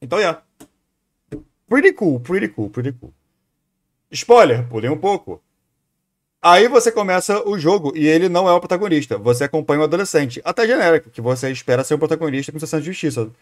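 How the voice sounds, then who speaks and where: This Brazilian-accented streamer chats loosely as he reacts to a video, rambling, musing aloud and going over the same points again. He speaks fast in a fairly high, expressive voice.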